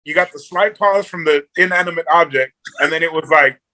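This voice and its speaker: A man's voice: on the high side, a little fast, bright, forceful tone, poor audio. A man, a guest on a movie review podcast, talking casually and rambling, repeating words and saying "you know" a lot.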